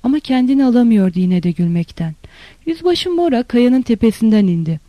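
A narrator reading a literary novel in a steady, even storytelling manner. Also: medium pitch, brisk, no echo. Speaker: audiobook narrator.

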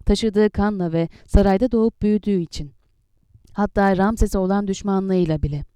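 Warm-voiced woman narrating an audiobook. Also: medium pitch, a little fast, smooth, no room sound, clean studio sound. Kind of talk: scripted narration.

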